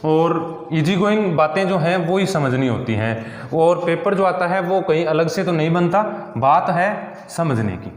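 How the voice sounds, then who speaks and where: A man's voice: a little high, lively intonation, measured pace. A male teacher explaining grammar step by step, often checking in with his class and asking rhetorical questions. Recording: echoey room with long reverb.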